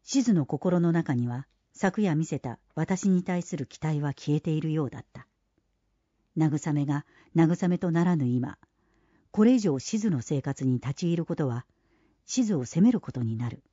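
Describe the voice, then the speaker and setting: A narrator reading a literary novel in a calm, measured, reflective way. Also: mid-range voice, dry recording. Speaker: audiobook narrator. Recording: dry, dull, slightly lo-fi.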